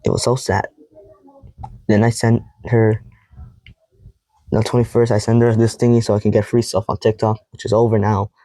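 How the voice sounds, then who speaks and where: A young man vlogging casually to camera, reading out old text messages in a rambling, halting way with heavy sighs. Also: fairly low pitch, no echo, low-quality recording. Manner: quoting text messages in a flat tone.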